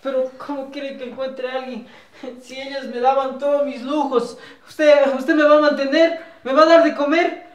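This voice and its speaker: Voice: high voice, steady tone, normal speed, roomy sound, dull audio, close to an everyday voice. A performer playing a spoiled young husband who whines and pleads in an amateur drama skit. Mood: whining. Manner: pleading, whiny.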